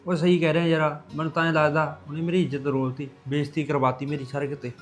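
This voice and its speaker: A man's voice: a little high, little pitch movement, fast, soft background music, close to an everyday voice. A man playing an angry brother fretting over his missing sister, in an irritable, brooding way.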